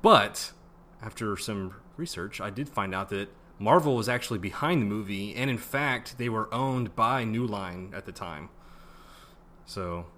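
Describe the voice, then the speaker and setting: A relaxed man in casual conversation, pausing often and filling gaps with ums. His voice is bright and forward. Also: fairly low pitch. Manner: laid-back, hesitant, many ums. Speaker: podcast co-host. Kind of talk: casual chat.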